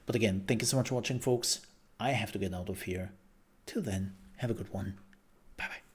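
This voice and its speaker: A man's voice: fairly low pitch, brisk, breathy edge. A man streaming live and chatting casually as he reacts, rambling and thinking aloud with repeated phrases, his voice worn out from a long day of talking.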